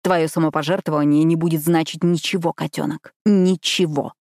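Woman voicing a hoarse, fierce young man. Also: sits low, fairly even intonation, moderate pace, a little mellow, no echo, studio quality. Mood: grim. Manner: growling, curt, through clenched teeth. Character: fierce gruff young man, commanding, protective. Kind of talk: audiobook character voice.

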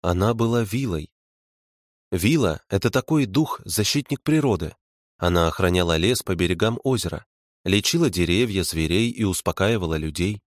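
A man voicing a calm woman investigator who lays out facts softly and pointedly. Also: low voice, moderate pace, no echo, clean studio sound.

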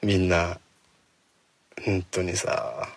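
A man hosting a casual solo talk show from inside a parked car, speaking quickly and chattily into a handheld phone and jokingly scolding his listeners. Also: low voice, little pitch movement, gravelly, background noise. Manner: fast-talking, chatty, mock-scolding listeners. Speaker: radio show host. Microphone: phone held in hand.

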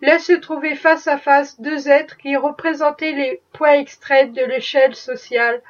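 A woman reading a classic novel aloud in a measured, expressive way. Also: high voice. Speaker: audiobook reader. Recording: dull distant recording.

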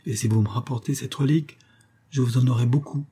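A man's voice: medium pitch, steady tone, brisk, warm tone, breathy edge, pitched above the performer's own voice. A man voicing a dignified, grieving woman who speaks firmly and earnestly, for an audiobook. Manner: firm, earnest. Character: dignified grieving middle-aged woman, firm.

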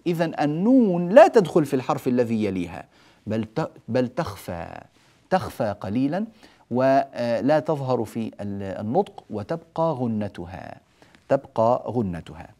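A man teaching Quran recitation rules in a recorded lesson, who explains patiently, asks and answers his own questions, and draws out quoted words slowly. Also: mid-range voice, sing-song, darkish tone.

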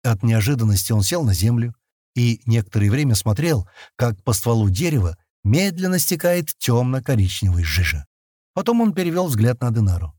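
A man narrating an audiobook in measured storytelling. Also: mid-range voice, big pitch swings, a little mellow, no room sound, studio quality.

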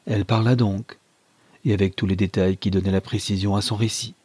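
A man narrating a classic novel in a calm, measured storytelling manner. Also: lowish voice, breathy edge, no echo. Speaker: audiobook reader.

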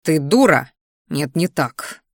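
A furious young male mage in an audiobook, scolding and growling at his sister, as a woman reader puts him on. The voice stays lowish and forceful, heard up close in a dry recording. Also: sing-song, takes it slowly, vocal fry, no echo, exaggerated voice. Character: angry young male mage, exasperated brother.

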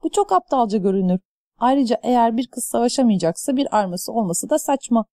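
A headstrong young girl who is quick to talk back and push against the rules, as a woman reads her. The voice is warm and mellow, close and dry. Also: a little high, expressive, dry recording, pitched above the performer's own voice. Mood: defiant. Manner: defiant, quick.

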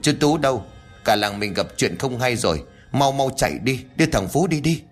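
A man's voice: mid-range voice, lively intonation, a little fast, breathy edge, faint music behind. Storyteller doing panicked old man in a horror tale, raised voice, urgent. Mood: frantic. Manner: urgent, confused. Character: old man waking in alarm, frantic.

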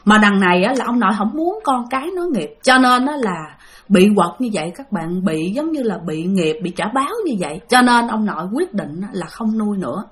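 A woman's voice: medium pitch, animated, a little fast, fairly bright tone. A woman with a Southern Vietnamese accent narrating a spooky story in a chatty way, often talking straight to her listeners. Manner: chatty, addressing listeners directly. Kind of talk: spoken ghost-story narration.

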